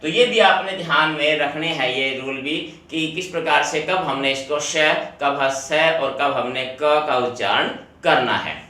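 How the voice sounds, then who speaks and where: Male teacher, bright voice, recorded off-mic in a very echoey room. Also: a little high, a little slow, few pauses, recorded from a distance. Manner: explains step by step, repeats rules, addresses students directly. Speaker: English teacher. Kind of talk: classroom video lesson.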